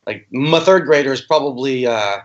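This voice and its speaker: A man's voice: medium pitch, moderate pace. A man co-hosting a teaching podcast, talking casually and restarting his sentences as he goes. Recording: dull lo-fi recording.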